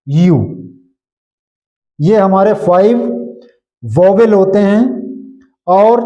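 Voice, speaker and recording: A man teaching English grammar in Hindi, explaining slowly and checking often that his students follow. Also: high voice, mellow, highs cut off. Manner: repetitive, checks understanding often. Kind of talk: slow classroom explanation in Hindi.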